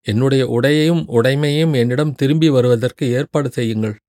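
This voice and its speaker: A man voicing a young, indignant male warrior envoy who speaks in a rapid, scolding torrent, read in a storybook narration. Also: mid-range voice, warm tone, dry recording, studio quality, close to an everyday voice.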